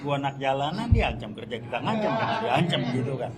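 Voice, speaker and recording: A man's voice: mid-range voice, sing-song, fast, a loud crowd, poor audio. An older man speaking heatedly and bluntly at a press conference, slipping into slang and acting out quoted exchanges. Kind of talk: impassioned press conference speech.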